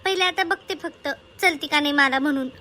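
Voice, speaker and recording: A woman's voice: high voice, fairly quick, sharp tone. A woman, chatting and fussing in a village comedy sketch.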